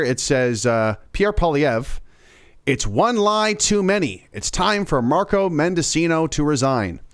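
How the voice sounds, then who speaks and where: Fairly high-voiced sarcastic male commentator. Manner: sarcastic, emphatic, repeats words. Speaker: political commentary host. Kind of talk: casual livestream commentary.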